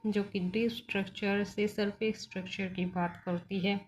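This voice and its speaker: A woman teacher with an Indian English accent walks through a linguistics lesson, switching easily between Hindi and English. Her voice sits at an ordinary middle pitch. She explains each point patiently and keeps asking whether the class is following. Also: flat delivery, normal speed. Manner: explains step by step, checking in with "ठीक है ना". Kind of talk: bilingual exam-prep lecture.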